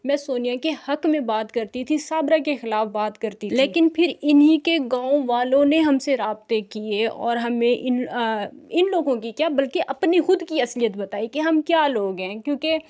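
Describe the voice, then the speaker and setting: A woman with a sore, scratchy throat, talking slowly and carefully to camera as a reaction channel vlogger, with frequent filler sounds. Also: high voice, darkish tone. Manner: deliberately slow, careful speech with frequent fillers. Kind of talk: casual direct-to-camera commentary.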